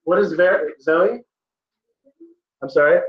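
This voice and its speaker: A man's voice: fairly high pitch, takes it slowly. A man teaching an online test-prep class, playfully quizzing his students on word roots. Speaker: tutor. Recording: echoey, dull lo-fi sound.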